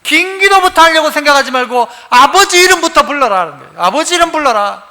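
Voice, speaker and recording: A male pastor giving a sermon, animated, asking the congregation questions as he preaches. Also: very high-pitched, fast talker. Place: church sanctuary. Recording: reverberant church hall.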